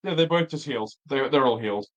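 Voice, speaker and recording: A man narrates as game master in a tabletop game, wry and laid-back. His voice moves a lot in pitch, at a middling height. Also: lively intonation, quick pace, dull audio.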